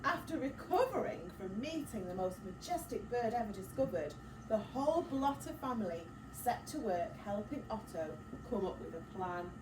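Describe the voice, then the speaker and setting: A medium-pitched woman teacher reads a picture book to children at a moderate pace, expressive and full of dramatic gasps. She stops now and then for encouraging prompts and asides. Background noise is clear, and the distant mic gives a roomy sound.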